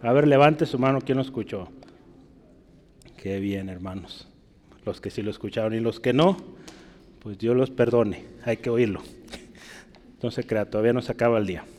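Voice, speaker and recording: A pastor giving a conversational sermon, often checking in with his congregation with quick questions. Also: medium pitch, darkish tone, a little hiss or hum. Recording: reverberant hall.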